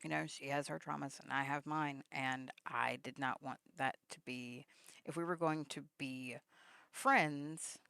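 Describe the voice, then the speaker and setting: Gravelly-voiced woman rambling through a vlog story. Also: extremely low pitch, steady tone, a little slow, a bit bright, no room sound. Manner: rambling, many fillers, acts out remembered texts. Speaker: vlogger.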